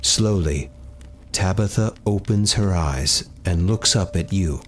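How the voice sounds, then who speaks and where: A man narrating a story in the second person as game master, calm and steady. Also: sits low, slow. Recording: faint music behind.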